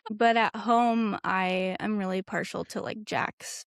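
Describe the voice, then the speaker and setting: A woman in her twenties, a guest on a podcast, chatty and quick to laugh, with lots of filler words. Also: mid-range voice, fairly even intonation, creaky, clean tone, no room sound. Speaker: guest, adaptive surfer. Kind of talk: casual interview.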